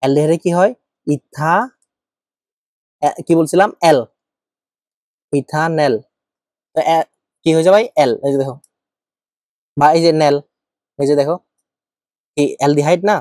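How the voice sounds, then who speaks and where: A man's voice: on the high side, a little slow, long pauses, darkish tone, dry recording, studio quality. A male chemistry teacher giving an informal lecture, asking and answering his own questions and checking in with students often. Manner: asks and answers his own questions, thinks aloud while writing.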